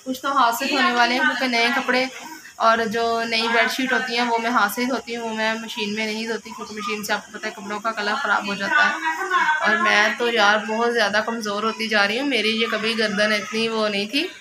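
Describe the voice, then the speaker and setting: A woman's voice: a little high, little pitch movement, a little fast. A woman in her thirties, a mother chatting casually to camera in a rambling home vlog. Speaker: vlogger, mother. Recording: loud background noise.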